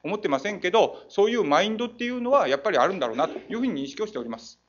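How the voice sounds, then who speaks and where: A man with a Saga accent answers as mayor, making emphatic and persuasive appeals to the council. He talks fast and his pitch swings widely. The audio is a muffled lo-fi council chamber feed. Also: big pitch swings.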